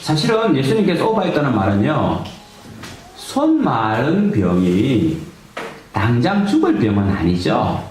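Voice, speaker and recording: A man's voice: mid-range voice, huge pitch swings, unhurried, darkish tone. A male pastor preaching a sermon in a conversational way, asking his congregation rhetorical questions. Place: church sanctuary. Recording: echoey church hall, faint noise.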